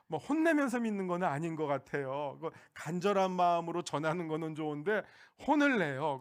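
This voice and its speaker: A pastor preaching a Sunday sermon, talking directly to the congregation in a conversational way with frequent hesitations. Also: male voice, on the high side, clear, resonant tone.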